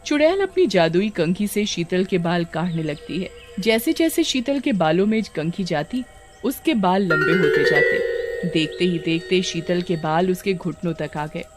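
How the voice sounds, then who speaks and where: A woman narrating a storybook tale in a steady, expressive reading voice. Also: on the low side, normal speed, music in the background.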